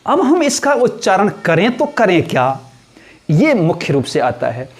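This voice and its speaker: A man's voice: sits high, a little mellow. A man teaching a pronunciation lesson, drawing out syllables and repeating sounds over and over. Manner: slow, drawn-out syllables, repeats sounds many times; acts out little scenes in changed voices.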